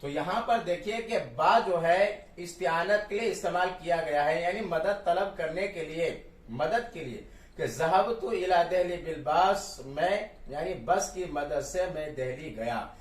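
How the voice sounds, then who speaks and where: A man's voice: fairly high pitch, measured pace. Urdu-accented man teaching grammar, echoey. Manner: explains step by step, repeats each example and its translation. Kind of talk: classroom-style grammar lesson. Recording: echoey room, mic at a distance.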